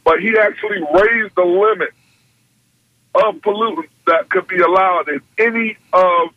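A man calling into a radio show over a phone line, speaking in an earnest, measured way. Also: high-pitched, no room sound. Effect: heard through a phone line on a radio call-in. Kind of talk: call-in comment. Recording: dull, dry phone line.

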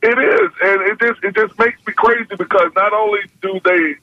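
A man calling into a radio show over a phone line, speaking in an earnest, measured way. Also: high-pitched, no echo. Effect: heard through a phone line on a radio call-in. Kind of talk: call-in comment. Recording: dull, dry phone line.

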